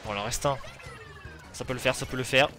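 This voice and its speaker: A man giving live commentary on his own online match, excitable, shouting at plays and then talking himself down, on a desk or headset mic. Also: mid-range voice, brisk, music in the background. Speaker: gaming video host.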